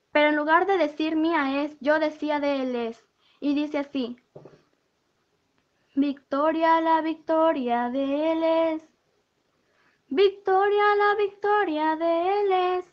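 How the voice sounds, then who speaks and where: A woman's voice: sits high, dull audio. A woman giving an earnest spoken testimony in church, retelling a vision and quoting what each figure said to her.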